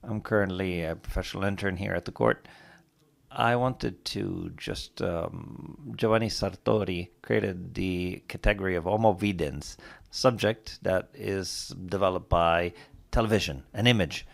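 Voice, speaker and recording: A man's voice: sits low, measured pace, vocal fry. A young man from Peru, asking an earnest, academic question from the floor into a handheld microphone. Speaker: audience member asking a question.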